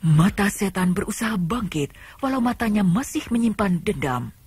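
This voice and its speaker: A woman's voice: medium pitch, expressive, normal speed, husky, no echo. A woman narrating an old radio drama in a dramatic storytelling manner, heard from an old radio play recording. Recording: old tape with loud hiss.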